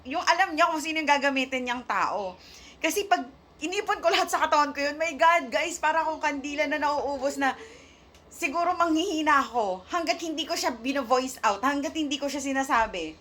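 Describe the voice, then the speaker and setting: High-voiced woman, emotional and halting. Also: pushed and bright, a little hiss or hum. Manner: halting, searching for words, mixing English into her talk. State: emotional, near tears and shaky at times. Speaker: vlogger sharing a faith testimony. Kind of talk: emotional casual testimony to viewers.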